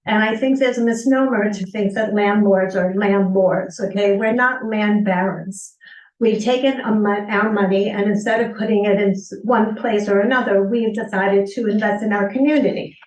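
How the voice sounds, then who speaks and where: A woman of middling pitch makes an earnest public comment and explains her side step by step. She sits well away from the microphone. Her voice rings around a reverberant meeting hall. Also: fairly even intonation, normal speed. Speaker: landlord speaking at public comment. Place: village board meeting room. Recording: echoey meeting hall, distant mic.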